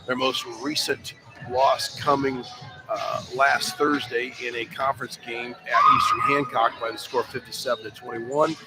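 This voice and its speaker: Male broadcaster, mid-pitched, steady stat-heavy pregame rundown, music underneath. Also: low-quality recording. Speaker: play-by-play broadcaster. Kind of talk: high school sports broadcast. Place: high school gym.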